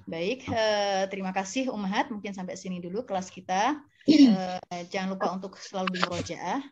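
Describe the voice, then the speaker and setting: A woman leads an online grammar lesson with a gentle, encouraging manner. She slows down to correct pronunciation patiently. Her voice sits at a middling pitch, and the call audio is slightly dull. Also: breathy edge. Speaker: Arabic grammar teacher. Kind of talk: online class, correcting a student's reading.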